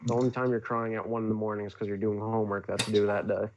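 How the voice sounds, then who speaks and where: Young man, podcast guest, rambling and gushing, lowish voice on a dull recording with faint hiss. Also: level tone, fast. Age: young adult. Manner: rambling, filler-heavy and gushing. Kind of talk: casual chat.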